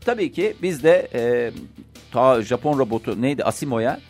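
A man's voice: medium pitch, sing-song, a little mellow, soft background music. Hesitant man co-hosting a radio show. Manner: hesitant, many drawn-out fillers. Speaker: radio morning show co-host. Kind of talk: casual radio chat, reading news.

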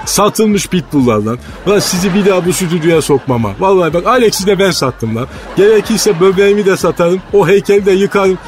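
Boastful hot-headed club president, rambling, slightly high voice. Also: male voice, animated, brisk, hardly any pauses. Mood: ranting. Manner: rambling boastful storytelling, ranting insults. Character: blustering male football club president, boastful and hot-tempered. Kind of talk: radio comedy sketch.

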